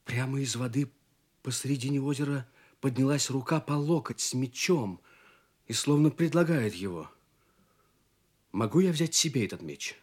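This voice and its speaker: A man's voice: mid-range voice, moderate pace, pauses often, close to an everyday voice. An actor playing a noble, chivalrous young king full of earnest wonder, in a theatrical Soviet audio play style. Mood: eager resolve. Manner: theatrical, hushed wonder, exclamatory questions.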